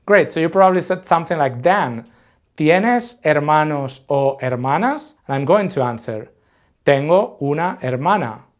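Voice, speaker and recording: Higher-voiced male teacher. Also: lively intonation. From Madrid, Spain. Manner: slow, deliberate model phrases, prompting the learner to repeat. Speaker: language teacher. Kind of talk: scripted language lesson.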